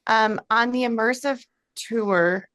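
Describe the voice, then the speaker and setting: A woman asking questions on a video call whose connection keeps cutting out, speaking haltingly. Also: on the high side, fairly bright tone. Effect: connection cutting out, broken call audio. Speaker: training session attendee.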